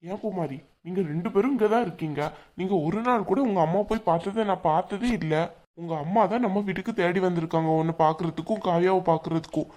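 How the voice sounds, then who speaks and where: A man's voice: high voice, fast talker, darkish tone, lightly acted. A man voicing a husband in a cartoon who scolds in an exasperated way but means well. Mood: firm. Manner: chiding, exasperated. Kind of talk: cartoon voice acting.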